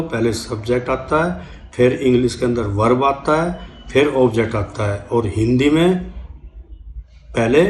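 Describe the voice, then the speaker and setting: Brief: older Indian male grammar teacher, deliberate classroom delivery, spells words out letter by letter. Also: medium pitch, reverberant. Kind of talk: classroom-style grammar lesson.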